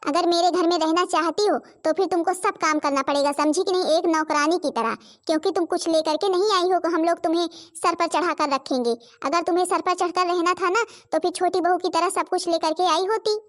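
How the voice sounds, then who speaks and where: A woman voicing a sharp-tongued, scolding village mother-in-law in a cartoon, nagging and accusing. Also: extremely high pitch, moderate pace. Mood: angry. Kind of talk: cartoon voice acting.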